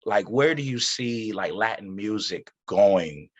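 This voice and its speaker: A man's voice: fairly low pitch, measured pace. Man, interview host, slangy and easygoing, mixes in spanish, slightly muffled lo-fi sound. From United States. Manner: relaxed slangy talk mixing English and Spanish. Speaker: podcast host. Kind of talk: casual interview.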